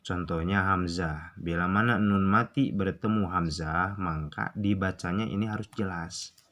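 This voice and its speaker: A young man with a Sundanese accent, teaching Quran recitation rules in a casual tutorial, drawing out examples slowly and asking and answering his own questions. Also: deep voice, a bit bright.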